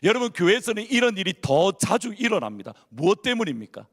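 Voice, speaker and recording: A man with a notably high voice delivers a church sermon. He throws questions to the congregation and slips into acted-out inner monologues of worried churchgoers. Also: big pitch swings, quick pace, a bit bright. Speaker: pastor. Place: church sanctuary.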